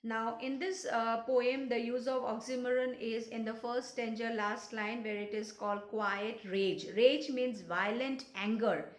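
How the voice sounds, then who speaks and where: A woman's voice: fairly high pitch, fairly even intonation, a little slow, few pauses, reverberant. A woman teacher patiently explaining a poem's literary devices, spelling out words letter by letter and repeating her points. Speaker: English teacher.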